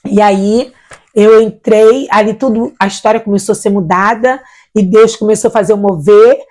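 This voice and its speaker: A woman's voice: mid-range voice, normal speed. A middle-aged woman, a missionary guest, telling her personal faith testimony and acting out the voices of the people in it. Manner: animated storyteller acting out quoted voices.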